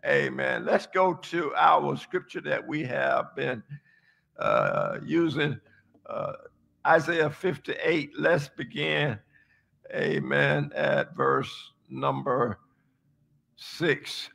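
Older preacher in a roomy, echoey sanctuary. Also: male voice, fairly high pitch, expressive, gravelly, fairly bright tone. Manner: call-and-response preaching, drawn-out phrases. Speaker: pastor. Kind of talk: sermon. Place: large church sanctuary, on a stage at a pulpit. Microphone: handheld mic, then pulpit mic, far camera. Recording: echoey sanctuary, mic off at a distance, music behind.

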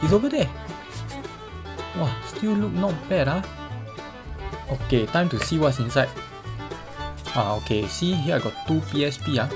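A man's voice: fairly high pitch, animated, moderate pace, long pauses, music in the background. A man in his twenties with a Singaporean accent, chatting casually to himself in Singlish with lots of exclamations, as in a gaming vlog. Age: 20s. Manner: exclamatory, talking to himself with colloquial particles. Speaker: vlogger. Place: small bedroom, indoors.

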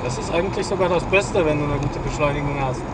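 A man driving on the highway, chatting casually over CB radio with frequent hesitations. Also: fast. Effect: heard over CB radio. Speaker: driver on the highway. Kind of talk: casual chat. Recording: distant CB radio voice with heavy road noise.

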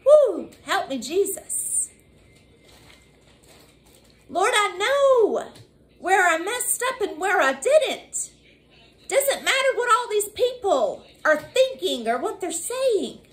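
A woman preaching a fervent sermon, crying out hallelujah and woo, calling listeners y'all and drawing scripture lines out slowly. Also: very high voice, big pitch swings. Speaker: evangelist preacher.

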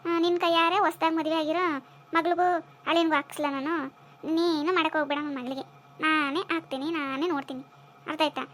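A scornful cartoon mother-in-law, voiced by a woman, very high and squeaky. She scolds fast and bossily. It is a cartoon family drama. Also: level tone, fairly bright tone. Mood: scornful scolding. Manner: scolding, bossy.

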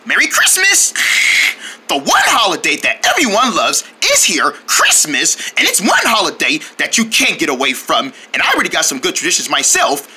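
A man narrating his own homemade cartoon in an animated style. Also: a little high, a little fast, few pauses, slightly rough. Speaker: creator voicing a homemade cutout cartoon.

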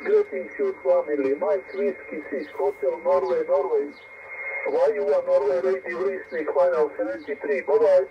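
A very old man in his eighties speaks with a Serbian accent in short, halting phrases as a ham radio operator. His gravelly voice sits fairly high and comes through a muffled shortwave signal with heavy static. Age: 80s. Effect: shortwave radio transmission. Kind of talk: ham radio contact exchange.

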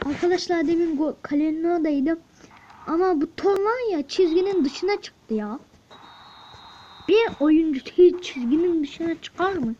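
Woman, high voice, unhurried gameplay commentary, chants and cheers, muffled recording, loud background noise. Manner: talks to viewers, chants and cheers players on. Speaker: gaming video host.

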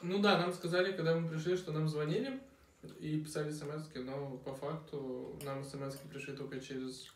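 A man's voice: on the high side, steady tone, fairly quick. A young man chatting casually for a mukbang vlog, talking while he eats at a table. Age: young adult. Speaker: vlogger. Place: small room at a dining table. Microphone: camera across the table. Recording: roomy, distant mic, clinking cutlery noise.

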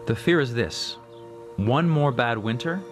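A man giving scripted documentary narration in a measured, informative manner. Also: medium pitch, animated. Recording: voice-over with loud music bed.

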